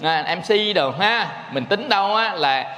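A Buddhist monk delivers a sermon in a fairly high voice. He talks in a homely, joking way, often turning to address his listeners directly. The sound rings with the long reverb of a large hall. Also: expressive, a little slow, pushed and bright. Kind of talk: dharma talk sermon.

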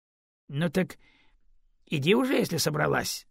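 A man's voice: fairly high pitch, sing-song, unhurried, creaky, slightly rough, no echo, clean studio sound, voice pushed up, exaggerated voice. A man voicing a scolding, sarcastic grandmother in her seventies in an audiobook. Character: grumbling, sarcastic old grandmother.

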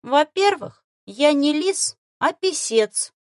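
A woman reading an audiobook voices a grumpy, sardonic male arctic fox familiar who talks in a huffy, condescending, scolding way, with a raised, lively voice in a dry recording. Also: high-pitched, normal speed, no echo, voice pushed up. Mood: grumbling.

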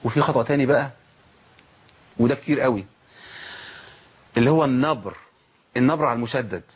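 A man's voice: medium pitch, breathy edge, highs cut off. A man with an Egyptian accent teaching tajweed, asking himself questions and demonstrating letter sounds. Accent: Egyptian Arabic. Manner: fast, animated teaching with self-asked questions and demonstrations. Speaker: Quran recitation teacher. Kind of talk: tajweed lesson.

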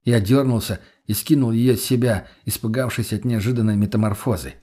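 A man reading a first-person audiobook in a steady, matter-of-fact way, with a husky voice. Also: on the low side, a little fast. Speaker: audiobook narrator.

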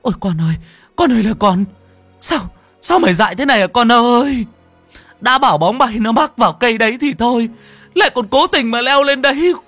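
A man's voice: extremely high pitch, expressive, a little fast, fairly bright tone, no room sound, faint music behind, voice pushed up, exaggerated voice. A man voicing a young village mother who shrieks a sobbing lament for her son. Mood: wailing.

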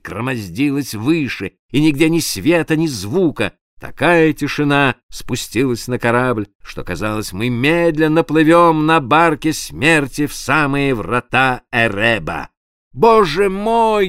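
A man reading a literary audiobook aloud in a dramatic, expressive way, sometimes dropping to a hush. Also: mid-range voice, no echo, studio quality. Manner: expressive, dramatic reading with sudden hushed drops. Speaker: audiobook narrator.

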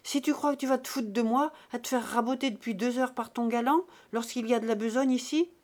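Woman voicing a furious shouting peasant farmer. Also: fairly high pitch, fairly quick, close to an everyday voice. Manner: shouting, coarse.

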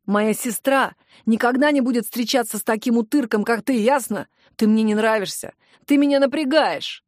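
Woman doing a furious, shouting young brother. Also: a little high, moderate pace, dry recording, studio quality, close to an everyday voice. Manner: shouting, aggressive. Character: angry hot-headed young man, protective brother.

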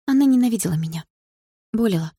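A woman reading an audiobook, voicing a sharp-tongued but vulnerable teenage girl in a raised, higher voice. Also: animated, fast, breathy edge, no echo, clean studio sound. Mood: hurt. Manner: raised higher voice, snappish retorts.

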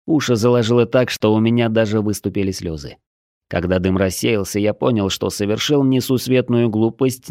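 A man reading a first-person adventure audiobook in a measured, steady storytelling manner. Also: fairly low pitch, no room sound, clean studio sound. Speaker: audiobook narrator.

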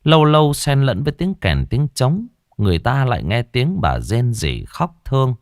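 A man's voice: mid-range voice, big pitch swings, normal speed, no room sound. A man reading a ghost story aloud in a dramatic, mournful storytelling manner, close to the mic. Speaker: narrator. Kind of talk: scripted ghost-story narration.

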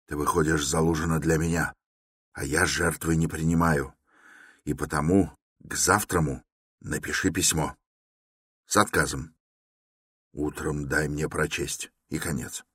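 A man's voice: a bass voice, steady tone, measured pace, long pauses, a bit bright, breathy edge, dry recording, clean studio sound, exaggerated voice. A man reading an audiobook who voices a feverish, irritable young man speaking curtly and with strain. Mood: harsh.

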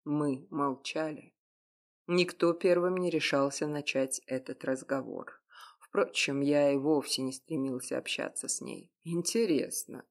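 A woman narrating a first-person novel, steady and hushed at tense moments. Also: deep voice, vocal fry. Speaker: audiobook narrator.

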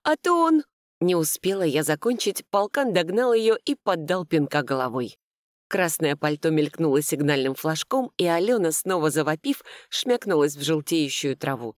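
A woman narrating a first-person romantic comedy audiobook with a lively, expressive reading. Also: low voice, moderate pace, no room sound, clean studio sound.

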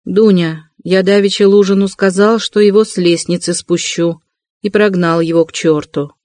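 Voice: mid-range voice, steady tone, normal speed, a little mellow, no room sound, close to an everyday voice. Raskolnikov, a reader voicing a feverish, irritable young man. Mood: irritable insistent. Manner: irritable, insistent.

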